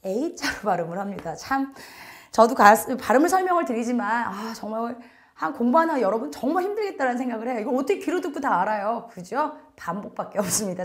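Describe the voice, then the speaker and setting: A woman instructor giving a recorded English listening lecture, chatting to her students and filling pauses with little prompts. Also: a little high. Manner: chatty, addresses students directly, frequent "자" fillers.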